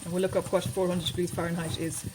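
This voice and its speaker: A woman's voice: lowish voice, level tone, quick pace, heavy background noise. A woman hosting a home cooking video, chatting casually and thinking aloud as she cooks in her kitchen. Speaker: home cooking channel host.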